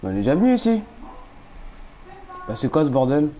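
A man commentating a horror game live, nervous and jittery, repeating words when scared, his voice going hoarse. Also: fairly high pitch, very animated, brisk, mellow. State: losing his voice.

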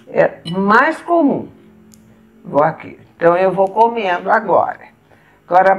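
A woman with a Brazilian Portuguese accent, patiently showing step by step how to eat at the table and pausing to eat as she goes. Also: fairly low pitch. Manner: patient, explains step by step while eating. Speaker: etiquette instructor. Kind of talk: casual demonstration.

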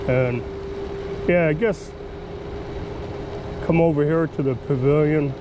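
A man's voice: fairly high pitch, slow. A man talking in a casual, folksy vlog style while riding an electric scooter outdoors. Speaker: vlogger. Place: outdoors, riding along park roads and stopping at a pavilion. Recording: outdoor action camera with ambient noise.

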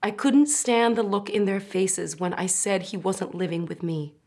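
A young woman acting a tragic, sorrowful, guilt-ridden mother in a dramatic monologue, with halting delivery. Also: fairly high pitch, breathy edge. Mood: guilty, sorrowful. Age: young adult. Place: indoor studio with plain backdrop.

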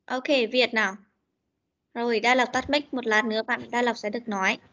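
A young woman teaching an online pronunciation drill over a video call, correcting and repeating words slowly and patiently. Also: a little high, steady tone, sharp tone, muffled recording. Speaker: English teacher.

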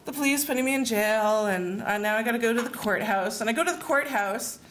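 A woman's voice: fairly high pitch, fairly quick, a bit bright, roomy sound, slight background noise. Rambling woman telling a personal story. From Canada. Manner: rambling, many fillers, laughs while telling, swears. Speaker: award winner telling her story.

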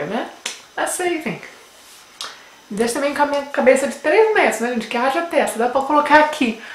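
Speaking in a mid-range voice with a Brasília Portuguese accent, a young Brazilian beauty vlogger in her twenties playfully chats to viewers while answering a beauty tag. The webcam recording, made in a small bookshelf-lined room at home, has roomy echo and faint noise.

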